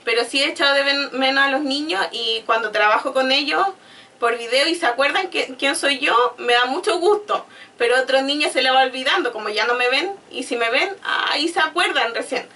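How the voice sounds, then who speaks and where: A woman's voice: sits high, a little fast, bright, forceful tone. A woman, a speech therapist, explaining patiently as an interview guest. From Chile. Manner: patient, explanatory, acts out child talk. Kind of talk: conversational explanation. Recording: voice from far off.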